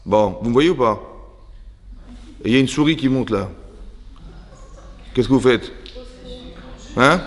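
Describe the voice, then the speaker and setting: A man with a French accent giving a religious lesson to a women's class as a rabbi, animated and throwing rhetorical questions at his listeners. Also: medium pitch, a little slow, long pauses, long reverb tail. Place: seminary classroom.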